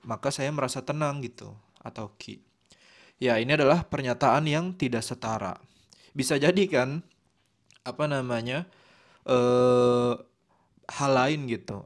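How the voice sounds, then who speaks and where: A man explains a logic lesson at an easy pace. His talk is conversational and loose, with plenty of fillers and little tag words thrown in. His voice sits in an ordinary middle pitch. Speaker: teacher.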